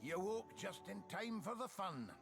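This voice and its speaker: An actor playing a gruff, bleary-eyed sailor in a video game, wry and hearty. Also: male voice, sits high, expressive, unhurried, exaggerated voice. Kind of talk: video game character dialogue. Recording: game audio under loud music.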